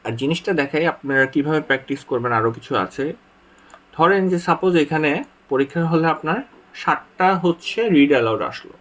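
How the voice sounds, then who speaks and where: A young man with a Bangladeshi Bengali accent talks through a tutorial in a slightly high voice. He explains patiently and repeats each point, going through worked examples one step at a time. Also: a little fast, fairly bright tone. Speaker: exam prep tutor. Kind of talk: screen-share tutorial explanation.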